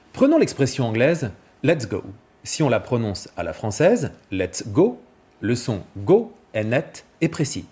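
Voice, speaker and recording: A male vocal coach giving a clear, didactic scripted explanation and demonstrating examples. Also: medium pitch, a little mellow.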